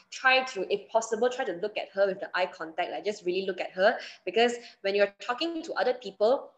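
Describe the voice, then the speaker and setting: A woman's voice: medium pitch, poor audio. A woman teacher with a Malaysian English accent, teaching an online class in a chatty way and acting out short examples. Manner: chatty, explains with examples and acted asides.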